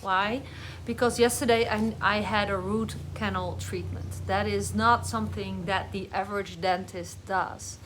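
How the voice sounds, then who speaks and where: Woman vlogger, live stream from home, rambling and filler-heavy, slightly groggy, mid-pitched voice. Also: steady tone, measured pace, a bit bright, a little hiss or hum. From Netherlands. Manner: chatty, rambling, with many fillers. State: groggy on painkillers after dental work. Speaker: vlogger and online business coach. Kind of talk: casual live-stream talk. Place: home, with dogs nearby.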